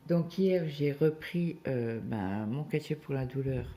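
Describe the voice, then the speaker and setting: A woman's voice: a bass voice, expressive, slow, dark tone. A woman chatting casually at home while she stitches, telling rambling stories full of asides. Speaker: cross-stitch vlogger.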